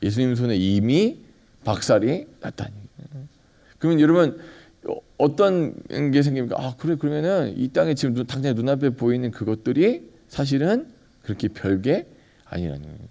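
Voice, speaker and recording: Warm-voiced Korean pastor preaching. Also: male voice, medium pitch, very animated, normal speed, vocal fry. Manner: conversational preaching, asks the congregation questions and acts out dialogue. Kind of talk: sermon.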